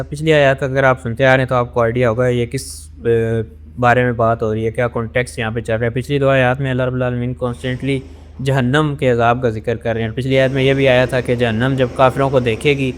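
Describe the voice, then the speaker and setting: A man with a Pakistani accent giving an online Quran lesson. He explains the rules of recitation step by step and slows down to recite verses. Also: mid-range voice. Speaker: Quran teacher.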